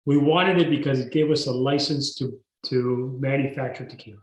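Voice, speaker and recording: A man, a guest telling his story in a podcast interview in a measured, emphatic way. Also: mid-range voice, steady tone. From Mexico. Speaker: guest entrepreneur. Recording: roomy echo.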